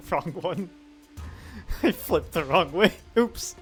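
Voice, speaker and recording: A man's voice: sits high, lively intonation, drawn-out words, faint music behind. A playful man chatting and laughing as a streamer while they read a game together. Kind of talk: casual chat while reading a game together.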